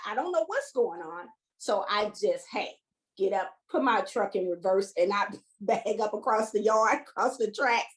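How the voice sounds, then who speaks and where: A woman's voice: medium pitch, poor audio. A woman who works at a transit substation, telling a personal story at a virtual event. She acts out her own past words in the story and laughs now and then as she tells it. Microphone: video call.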